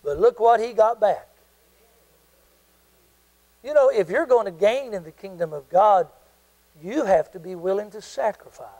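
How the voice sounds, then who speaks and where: An older man preaching from the pulpit, his voice sitting unusually high for a man. He works the congregation with questions and calls for answers. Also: lively intonation, measured pace, long pauses, dark tone, rough recording. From South Carolina. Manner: call-and-response preaching, asks the congregation questions. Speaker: pastor. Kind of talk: sermon.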